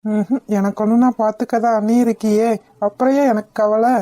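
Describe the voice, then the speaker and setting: A woman voicing a tender, grateful young husband in a cartoon, soft and heartfelt, gently teasing. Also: a little high, flat delivery, fairly quick, no room sound, lightly acted. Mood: playful. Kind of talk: cartoon voice acting.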